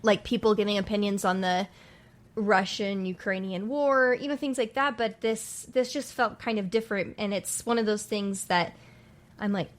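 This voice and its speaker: A woman in her twenties chatting casually as a podcast co-host. She rambles and searches for her words. Her voice sits in a middle pitch. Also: normal speed. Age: 20s. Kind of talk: casual chat.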